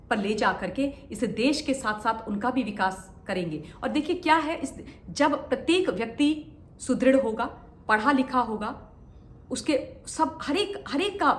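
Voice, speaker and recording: A woman delivers fervent political commentary in a somewhat high voice, hammering her points with repeated phrases and rhetorical questions. She sounds like she's in an echoey room with a faint hum of ambience behind her.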